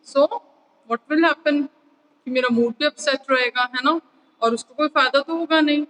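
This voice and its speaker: An Indian woman teaching an online class in a high, bright voice, talking in an unhurried way. She mixes Hindi and English and keeps checking that her pupils follow her. Her voice rings with a long reverb, as though she is in a bare room.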